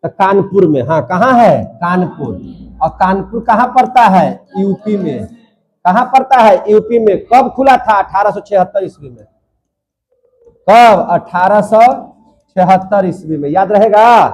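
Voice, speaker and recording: A man's voice: sits high, lively intonation, unhurried, darkish tone. A young man teaching a class, drilling students by asking questions and repeating each answer. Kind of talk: classroom lecture.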